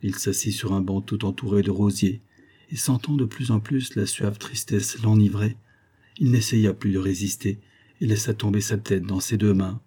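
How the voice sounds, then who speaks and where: Gentle, husky man reading aloud. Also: lowish voice, steady tone, moderate pace. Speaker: audiobook reader. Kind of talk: scripted narration.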